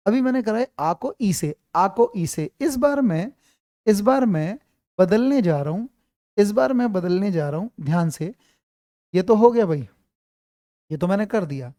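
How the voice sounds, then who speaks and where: A man's voice: high voice, mellow, no room sound, clean studio sound. A man teaching an online grammar class, quizzing his students and repeating his questions.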